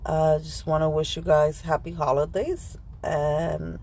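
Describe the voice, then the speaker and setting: A middle-aged woman vlogger, slightly hoarse from a cold, rambles in casual chat while eating lunch in her car. Her voice is low and mellow, with little pitch movement and a measured pace.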